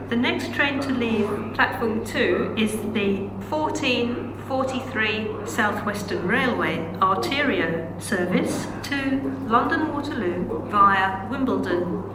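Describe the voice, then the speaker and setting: A woman's voice making a train station announcement through a public address loudspeaker. She is a little high in pitch and deliberately slow, every word set out evenly. The sound bounces around a busy station with plenty of ambient noise behind it. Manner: measured, even recorded delivery. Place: railway station platform. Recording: echoey platform loudspeaker, noisy station.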